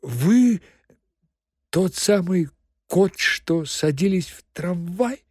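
A man's voice: high voice, lively intonation, drawn-out words, darkish tone, no echo, clean studio sound, pitched above the performer's own voice, full character voice. A man doing a hesitant shaken writer. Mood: unsure. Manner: hesitant and stumbling. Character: shaken hesitant middle-aged male writer.

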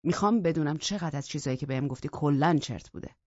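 A woman reading an audiobook, voicing an angry, accusing husband in a harsh, bitter manner with a husky voice. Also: deep voice, darkish tone, dry recording, muffled recording, voice pushed down. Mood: cold. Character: angry menacing grieving husband, man.

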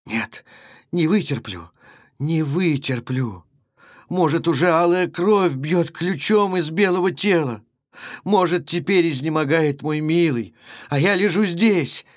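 A man's voice: on the high side, unhurried, no echo, clean studio sound, natural voice. A man voicing a grieving young wife who pleads with passion in a storybook reading. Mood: anguished. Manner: impassioned, pleading.

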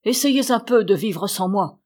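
Woman reader doing a stingy old grouch, loud and sneering, audiobook character. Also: medium pitch, animated, a little slow. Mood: grumbling. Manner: loud, scornful shouting. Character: grumpy miserly old man scolding his animals.

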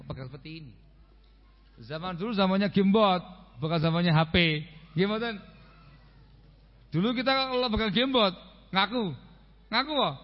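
A man giving a lively religious lecture on a radio program, often stopping to check that his listeners understand. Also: medium pitch, big-room sound, muffled recording. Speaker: Islamic preacher.

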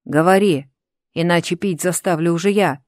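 A woman's voice: lowish voice, moderate pace, darkish tone, no echo, close to an everyday voice. A woman voicing a blunt, impatient young woman warrior in a voice close to her own. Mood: hard demanding. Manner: blunt, demanding.

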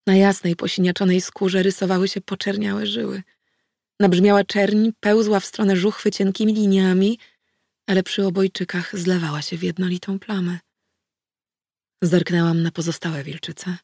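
A woman's voice: mid-range voice, little pitch movement, normal speed, vocal fry, a little mellow, no room sound, clean studio sound. A woman reading a fantasy novel aloud in the first person, acting out the dialogue with drama. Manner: acted, voices dialogue dramatically. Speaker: audiobook narrator.

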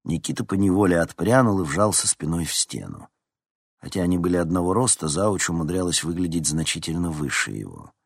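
Husky, expressive male audiobook narrator. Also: low voice, a little fast, dry recording, clean studio sound. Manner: expressive reading. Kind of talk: scripted narration.

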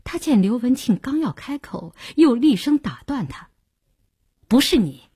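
A woman narrating a novel in a measured storytelling reading. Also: high-pitched, sing-song, mellow, breathy edge.

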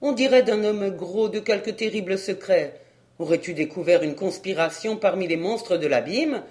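A woman's voice: medium pitch, moderate pace, a little mellow, lightly acted. A woman reading aloud as an irritated male doctor, pressing his friend with insistent, teasing questions. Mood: exasperated.

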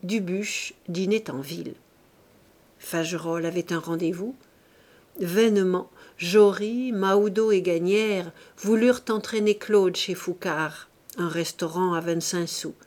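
Woman reading an old novel audiobook, slow and expressive, measured. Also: on the low side. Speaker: audiobook reader. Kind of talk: scripted narration.

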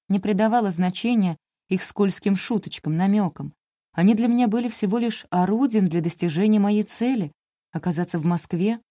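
A woman's voice: lowish voice, warm tone, no room sound, studio quality. A woman narrating a first-person audiobook in a confessional, intimate storytelling manner.

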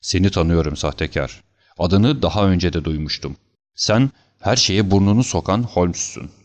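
A man's voice: low voice, normal speed. A man voicing a furious, blustering old brute. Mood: angry threats. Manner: angry, blustering, shouting threats. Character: old, huge, violent male doctor, menacing. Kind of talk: audiobook character reading.

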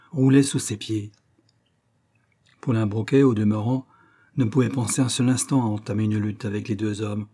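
A man narrating a novel as an audiobook in a measured, dramatic reading. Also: mid-range voice, warm tone. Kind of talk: scripted narration.

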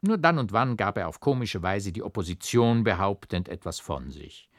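Low-voiced man reading a classic tale. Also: normal speed, dry recording, clean studio sound. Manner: expressive, rhythmic storytelling. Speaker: audiobook reader. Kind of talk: literary audiobook reading.

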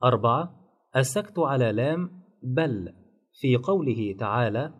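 A man calmly narrating a lesson on Quran recitation rules, listing points one by one. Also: mid-range voice, breathy edge. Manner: measured, enumerating rules point by point. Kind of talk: scripted instructional narration.

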